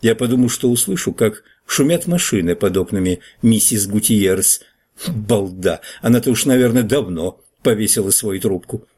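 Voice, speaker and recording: A man's voice: lowish voice, moderate pace, warm tone, husky. A man reading a first-person audiobook in a wry storytelling manner. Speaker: narrator. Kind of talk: audiobook narration.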